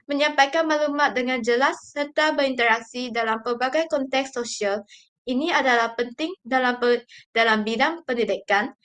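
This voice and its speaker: A young woman student reading a prepared class presentation in a steady, even way. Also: fairly high pitch.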